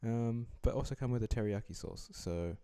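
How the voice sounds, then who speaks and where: A young man giving relaxed, dryly joking voice-over commentary as he rates food. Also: medium pitch, moderate pace, clean tone. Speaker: vlogger rating food.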